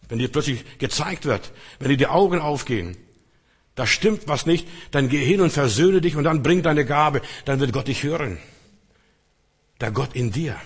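Husky-voiced man preaching a sermon. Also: medium pitch. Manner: preaches in direct address, with rhetorical questions. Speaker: pastor.

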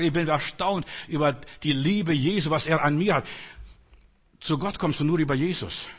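A man's voice: a little high, a bit bright, slightly rough. An older man preaching a sermon, earnest and emphatic with rising outbursts. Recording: long reverb in a hall.

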